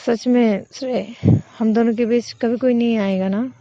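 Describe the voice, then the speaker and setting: A woman's voice: a little high, fairly even intonation, moderate pace, mellow, dry recording, lightly acted. Woman voicing a fiery, jealous young woman in love. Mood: tender. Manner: hot-tempered, scolding, then tender. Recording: dull, dry lo-fi recording.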